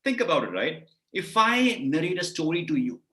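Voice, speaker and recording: A man with an Indian English accent giving an animated webinar talk on public speaking, often putting questions to his listeners. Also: on the high side, moderate pace, roomy sound. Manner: animated, lots of vocal variety, keeps asking the audience questions.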